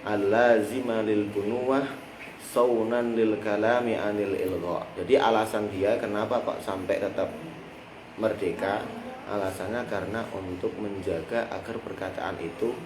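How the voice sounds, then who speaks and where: With a voice on the low side, fairly even intonation, and a measured pace, a Javanese-accented man teaches a lesson on a classical Islamic text. He relies on everyday examples and brings listeners in to finish his sentences. The recording is echoey, with faint background noise.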